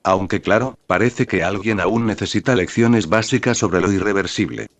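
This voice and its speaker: A bored young villain drips with poisonous sweetness and disdain, as a male reader puts him on. His voice is very deep and dry. Storybook-style fan reading. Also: normal speed, no echo. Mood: mocking. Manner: sneering, venomously sweet.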